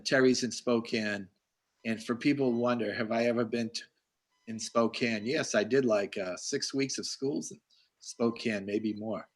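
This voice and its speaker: A man's voice: mid-range voice, a bit bright. A man hosting a live video-call chat with an author, talking in a rambling, chatty way full of compliments. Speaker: host. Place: home in Boston.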